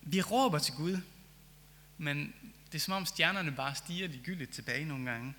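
A man's voice: fairly high pitch, bright, forceful tone, a little hiss or hum. A man preaching a sermon, reading scripture and then reflecting on it earnestly, with rising emphasis on key phrases. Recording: long hall reverb.

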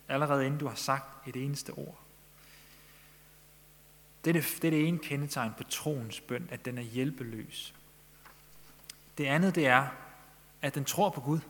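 A man's voice: on the high side, a bit bright. A man preaching a sermon in Danish-language church style, earnest, pressing his listeners with questions. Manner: earnest, rising emphasis on questions. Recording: long echo of a large hall.

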